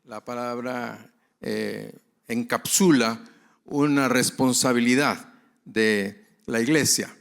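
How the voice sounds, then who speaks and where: Slow, measured male pastor lecturing. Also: medium pitch, creaky. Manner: rhetorical, repeats key phrases for emphasis; asks and answers his own questions.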